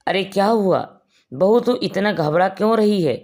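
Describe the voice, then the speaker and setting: A man's voice: sits high, animated, measured pace, a little mellow, pitched above the performer's own voice. A man voicing a kind, loving middle-aged mother-in-law in a family storybook tale, talking affectionately and soothingly. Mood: reassuring.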